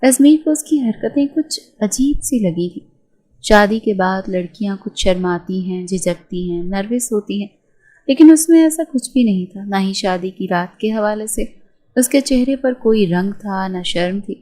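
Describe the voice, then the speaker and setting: A woman narrating a romance novel in a steady storytelling manner. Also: mid-range voice.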